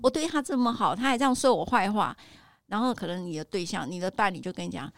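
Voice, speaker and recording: A woman's voice: medium pitch, expressive, fast, no echo, clean studio sound. A middle-aged woman with a Taiwanese Mandarin accent, hosting a casual chat, asking questions and laughing often. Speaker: host.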